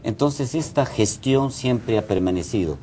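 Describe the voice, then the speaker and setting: A man's voice: mid-range voice, lively intonation, measured pace, dark tone, a little hiss or hum. A middle-aged man from Peru, a mayor being interviewed in a TV studio, speaking earnestly with frequent hesitations. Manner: earnest, many hesitation fillers. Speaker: mayor and guest. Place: TV news studio.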